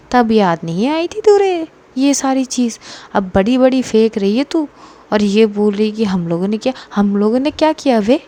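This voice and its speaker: An exasperated young woman friend scolds loudly and at length in this spoken storybook, voiced by a woman narrator, her tone fairly high yet soft and mellow. She rants with mounting frustration, firing off complaints one after another. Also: close to an everyday voice. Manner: loud, ranting, exasperated.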